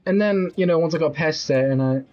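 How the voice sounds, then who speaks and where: A man's voice: fairly high pitch, a little fast, darkish tone, highs cut off. A man in his twenties streaming a video game, talking casually with blunt, rambling commentary and casual swearing. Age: 20s.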